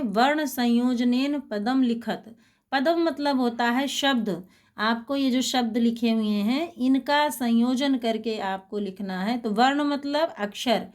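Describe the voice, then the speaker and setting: A woman teaching a Sanskrit lesson to schoolchildren. She is patient and spells out words slowly, repeating them. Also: fairly high pitch. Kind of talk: slow explanatory lesson for schoolchildren.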